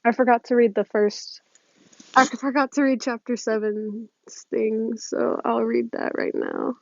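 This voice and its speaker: A woman with a fairly high voice and vocal fry reads fan fiction unhurriedly and flatly as an amateur podfic reader. She's informal and giggles when she flubs lines. The phone recording is muffled, with a roomy echo.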